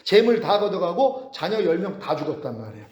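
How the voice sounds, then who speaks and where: A man giving a sermon-style Bible lecture, animated, often chuckling and asking rhetorical questions. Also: sits high, fairly quick. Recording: roomy echo.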